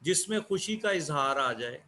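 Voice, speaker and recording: Male teacher, online class, measured and repetitive delivery, slightly high-pitched. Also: expressive, pushed and bright, a little hiss or hum. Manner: slow, repeats key words. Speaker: English teacher.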